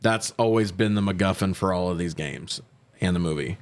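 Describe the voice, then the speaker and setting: As a podcast co-host recapping a film, a man with a fairly low voice speaks a little fast in a casual, slangy style full of profanity. He tells it like a story, acting out the quoted lines along the way.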